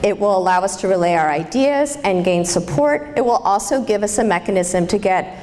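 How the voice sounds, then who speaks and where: Woman presenter at a conference, earnest and keen, mid pitch, slight hall reverb. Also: expressive, brisk, darkish tone. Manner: enthusiastic, earnest with some restarts. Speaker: conference speaker. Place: convention hall. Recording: faint hall reverb with light noise.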